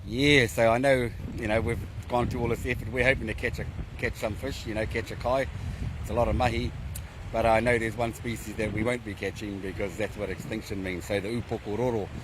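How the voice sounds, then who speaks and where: A man with a New Zealand accent speaking casually and haltingly in an outdoor interview. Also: fairly low pitch, fairly even intonation. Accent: New Zealand English. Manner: halting, repeats words. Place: outdoors by a river. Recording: clear outdoor vehicle and water noise.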